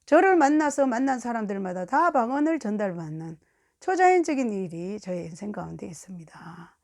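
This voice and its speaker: A woman preaching a sermon, telling a lively testimony and acting out the dialogue of the people in her story. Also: mid-range voice, brisk, gravelly.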